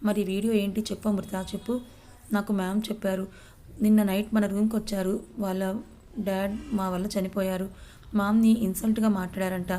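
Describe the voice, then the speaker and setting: Young husband in an audio story, read by a woman: stubborn, curt, even-toned. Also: medium pitch, brisk, lightly acted. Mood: angry.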